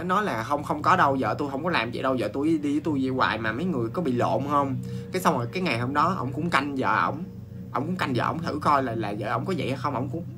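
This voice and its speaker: A man with a Southern Vietnamese accent tells a ghost story casually to his audience, exclaiming often and stumbling over restarts. His pitch sits mid-range, and soft music plays quietly behind him. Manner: chatty, exclaiming, animated with many restarts.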